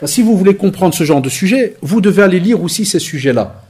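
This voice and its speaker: A man giving a lecture to young people, telling lively stories with acted-out dialogue and Arabic phrases mixed in. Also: sits high, a little fast, husky. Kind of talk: conference talk to young people.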